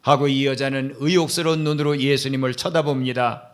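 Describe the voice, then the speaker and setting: A man's voice: mid-range voice, little pitch movement, fairly quick. A male pastor preaching a sermon in a church, retelling a Bible story with dramatic storytelling. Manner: dramatic storytelling, acts out the quoted speakers. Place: church sanctuary.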